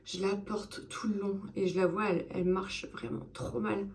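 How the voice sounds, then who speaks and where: A woman in her thirties chatting casually in a vlog, expressive and full of fillers. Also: medium pitch, normal speed. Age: 30s. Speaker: vlogger.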